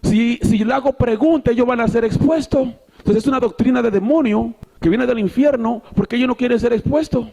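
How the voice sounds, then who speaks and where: A man's voice: very high voice, brisk, creaky, dark tone. A male pastor preaching a sermon, reading scripture aloud, repeating himself and correcting his references as he goes, with an occasional "so" between sentences. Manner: bilingual filler "so" between Spanish sentences.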